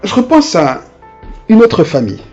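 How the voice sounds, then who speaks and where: A man's voice: sits high, wildly swooping pitch, moderate pace, darkish tone, lo-fi sound, faint music behind. A man preaching a conversational sermon as pastor. He hesitates and restarts often and acts out the voices of people in his stories.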